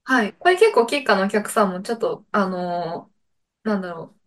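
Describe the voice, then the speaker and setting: A young woman guest on a podcast, talking softly and hesitantly with many fillers. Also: mid-range voice, very animated, moderate pace. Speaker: guest staff member. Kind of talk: casual podcast interview.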